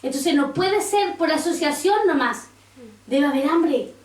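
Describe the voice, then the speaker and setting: A woman's voice: sits high, animated, a little slow, darkish tone. A woman pastor preaching a sermon, quoting scripture and asking the congregation questions. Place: church. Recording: roomy church sound from a distance.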